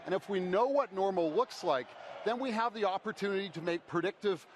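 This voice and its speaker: A man's voice: high-pitched, brisk. A man giving a podium speech as a conference presenter, explaining step by step and posing questions that he then answers. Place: conference stage. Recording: faint background noise.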